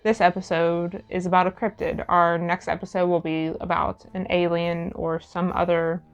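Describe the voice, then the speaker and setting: A woman's voice: lowish voice, little pitch movement, moderate pace, clean tone, lo-fi sound. A young woman co-hosting a podcast, chatty and giggly as she reads out her research notes. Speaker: podcast co-host presenting research. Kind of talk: casual podcast chat. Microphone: studio mic.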